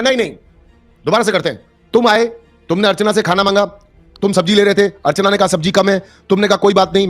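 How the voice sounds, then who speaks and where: Guy doing a fast recap of tv drama, high voice, acts out the quotes, dry close sound. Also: no echo. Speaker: fan channel commentator. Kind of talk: animated recap commentary.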